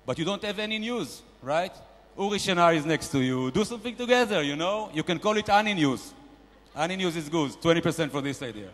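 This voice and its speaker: Onstage at a panel in a large, reverberant conference hall, a man does a comedy character: a brash investor nicknamed the shark, barking bossy, grandiose sales advice. His delivery is expressive and fairly quick.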